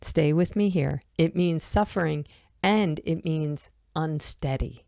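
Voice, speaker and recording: Woman, yoga-teacher host, low gravelly voice, earnest and direct. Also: slow pace, warm tone, no room sound, studio quality. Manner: earnest, addresses listeners as "my friends". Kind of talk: reflective podcast conversation.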